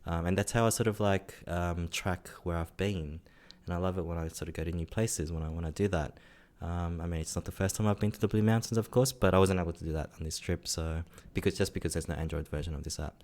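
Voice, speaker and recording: Low-voiced man in relaxed tech chat. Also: quick pace, few pauses. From Australia. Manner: relaxed, rambling with many fillers. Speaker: podcast co-host.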